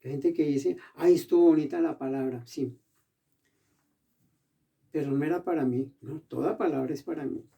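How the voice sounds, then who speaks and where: Man, preacher, sermon, very dark warm voice, slightly high pitch, somewhat distant from the mic. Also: vocal fry. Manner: preaching with emphatic bursts, slowing to read scripture.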